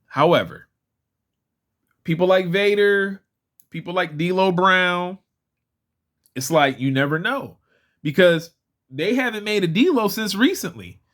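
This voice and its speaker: A young man with a slightly high voice talks through a casual toy figure review. He rambles in a chatty way and keeps breaking off to restart his sentences. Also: lively intonation, slow, long pauses, fairly bright tone. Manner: chatty, rambling, self-correcting. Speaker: toy collector vlogger.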